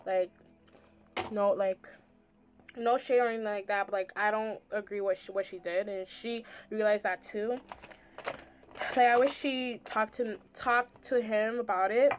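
Speaking a bit slowly in a steady, mid-range voice, this young woman makeup vlogger chats her way through a casual, slang-heavy story as she applies makeup, peppering it with "like." Background music plays in her small room, and there's slight hiss or hum.

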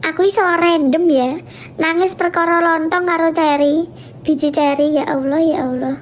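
A young woman with a Javanese accent, chatting casually on a livestream and telling a story with animated laughs. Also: extremely high pitch, normal speed, slight background noise. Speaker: livestream host.

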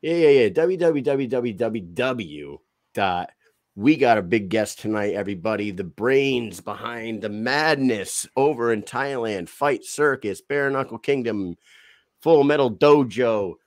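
A man's voice: medium pitch, lively intonation, measured pace, no room sound, clean studio sound. A young man hosting a podcast, brashly reading sponsor plugs and hyping his guest in casual talk. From Boston area. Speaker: podcast host. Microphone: studio mic on arm, headphones.

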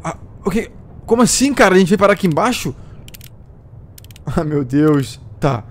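His voice is high-pitched with big swings in pitch and a moderate pace as he streams himself playing a horror game, the game's music faint in the background. Jumpy, he yelps and exclaims at scares and wonders aloud what to do next.

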